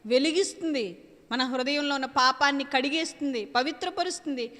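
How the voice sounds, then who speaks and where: Woman preacher, high-pitched, bright tone, emphatic sermon, repeats phrases, long hall echo. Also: moderate pace. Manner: emphatic, repeats phrases, asks and answers her own questions.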